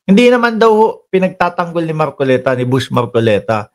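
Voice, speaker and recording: A man from the Philippines giving casual, animated political commentary over clips, switching between Tagalog and English and laughing often. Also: on the high side, a little fast.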